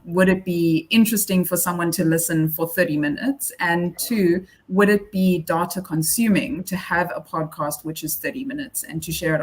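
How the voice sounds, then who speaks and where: A woman speaking as a panelist, explaining her work in an unscripted talk. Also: fairly low pitch. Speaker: panelist, fact-checking podcast scriptwriter.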